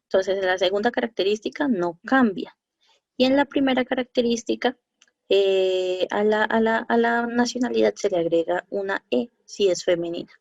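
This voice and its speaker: A woman giving a recorded lesson over slides, talking haltingly with many fillers and self-corrections. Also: medium pitch, creaky, a little mellow, no room sound. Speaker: French teacher. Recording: dull lo-fi dry recording.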